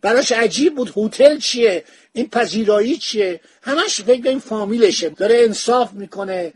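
A man's voice: high voice, animated, a little mellow, husky, no room sound. A man speaking, retelling a historical travel account in a casual storytelling manner as a podcast host. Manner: anecdotal retelling, acts out quoted dialogue. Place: home study with bookshelves.

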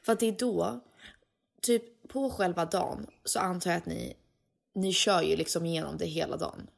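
Low gravelly woman, chatty podcast co-host. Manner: mixes in English phrases, chatty and advising. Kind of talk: casual chat.

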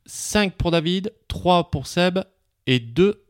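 Jovial French podcast quizmaster, lively pitch. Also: male voice, clean tone. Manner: jovial, laughs often, halting with fillers. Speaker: quiz host. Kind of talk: casual podcast quiz hosting. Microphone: table microphones.

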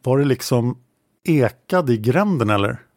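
A man reads a methodical police inspector working through an interrogation, echoing each answer back as a question. The voice is gravelly and close, with a dry, deadened sound. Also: medium pitch, expressive, darkish tone, natural voice. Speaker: interrogator in a read-out police protocol.

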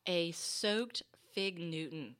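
A woman's voice: on the low side, animated, slow, a bit bright. A woman co-hosting a casual chat, playful and joking, laughing often. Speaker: co-host.

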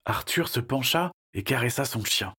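Husky man narrating a children's story. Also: medium pitch, moderate pace. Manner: lively storytelling, shifting into character voices.

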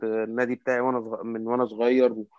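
Fast-talking Egyptian man, dull recording. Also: medium pitch, little pitch movement, clear, resonant tone, no echo. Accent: Egyptian Arabic. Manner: halting, repetitive, often searching for words. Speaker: football fan commentator. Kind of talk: casual football discussion.

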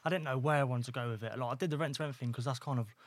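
A man's voice: mid-range voice, no echo, studio quality. A man, a guest in a casual interview, speaking informally and calling the host mate. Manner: rapid, informal, says "mate" often. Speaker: guest, electrician and property investor.

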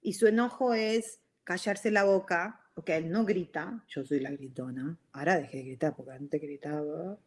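A woman with a Rioplatense Spanish accent talks about self-love in a relaxed, expressive way. She often restarts her sentences and slips English words into her Spanish. She keeps turning to her listeners with a quick "ok?". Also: sits low, husky. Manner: addresses listeners directly with frequent "ok?". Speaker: self-help speaker. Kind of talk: casual motivational talk.

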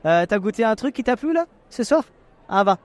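Jokey podcast host, fairly high voice. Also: male voice, big pitch swings, a little fast. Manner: jokey, teasing, chatty. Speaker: podcast host interviewing guests. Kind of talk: casual vox-pop interview.

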